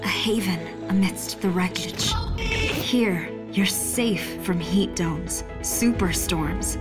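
A woman voicing a gentle, soothing care AI that welcomes newcomers in a calm, reassuring way for an audio drama promo. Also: medium pitch, slow. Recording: loud music bed behind the voice.

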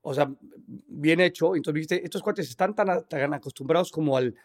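A man's voice: a little high, moderate pace. A man with a Mexican accent co-hosting a podcast in casual chat, rambling and slangy, often laughing. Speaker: podcast co-host.

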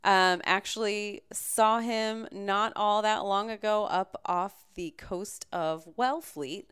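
A woman's voice: mid-range voice, fairly even intonation, takes it slowly, a bit bright, clear, resonant tone. A woman shark research scientist answering interview questions in a chatty, casual way, laughing easily and using many fillers.

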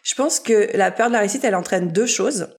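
A woman's voice: mid-range voice, brisk, a little mellow. A woman guest, a business coach, explaining her ideas fluently in a casual interview.

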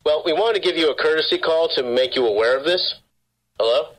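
A man with a slightly high voice talks fairly quickly, pretending to call from the phone company. His sales pitch sounds scripted and repetitive, and the garbled phone line keeps cutting out.

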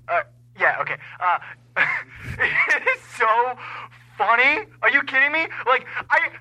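Excited man on a phone voicemail. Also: high voice, poor audio. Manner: giddy, laughing, shouting with excitement. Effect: voicemail heard over a landline phone. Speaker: caller leaving a voicemail. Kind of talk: casual phone message.

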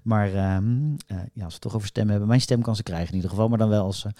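A man's voice: lowish voice, steady tone, rapid-fire, dark tone, dry recording, studio quality. A man co-hosting a casual talk show, explaining things with many hesitations and fillers. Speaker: podcast co-host, voice expert. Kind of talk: casual discussion.

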